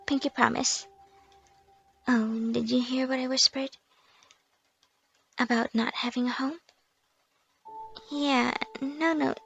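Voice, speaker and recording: A woman playing a timid, self-loathing young female stalker in an ASMR role-play, sweet and eerily obsessive, rambling with nervous apologies. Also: high voice. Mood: eager, devoted.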